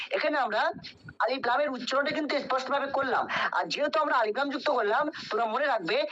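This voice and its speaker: A woman runs a grammar lesson with a patient, repeating manner, stopping often to check that her students follow. Her voice sits a little high. The sound is dull and lo-fi. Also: a bit bright, a little hiss or hum. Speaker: Arabic grammar teacher. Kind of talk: online class teaching.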